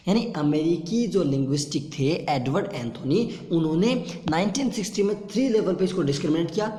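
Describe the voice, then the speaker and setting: A man's voice: fairly high pitch, animated, warm tone. Echoey Hindi-speaking male lecturer. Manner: drills pronunciation, repeats terms slowly. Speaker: teacher. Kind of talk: online exam-prep lecture. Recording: echoey room with long reverb.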